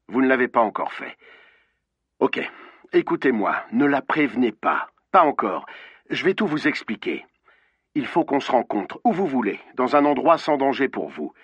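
A man's voice: medium pitch, fairly bright tone, husky, no room sound, highs cut off. A man voicing a male killer on the phone, first pleading, then ironic and falsely polite, in an audiobook. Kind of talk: audiobook acting.

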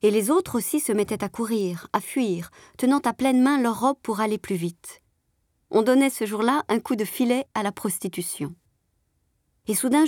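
A woman's voice: mid-range voice, a little mellow, dry recording. Woman reading a literary story, dry sound. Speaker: audiobook reader.

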